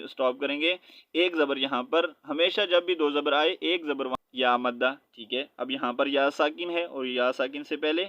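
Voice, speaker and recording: A man teaching Quran recitation letter by letter. He patiently checks in with his listeners and chants the verses slowly. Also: medium pitch, a bit bright, no room sound, lo-fi sound. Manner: patient, checks in with "okay?" after each point; slow drawn-out chanting of verses. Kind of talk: spelled-out recitation lesson.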